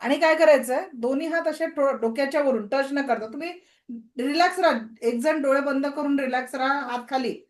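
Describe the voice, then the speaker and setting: A woman teaching an online reiki class, giving calm, repetitive guided-healing commands over a video call. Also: high voice, brisk.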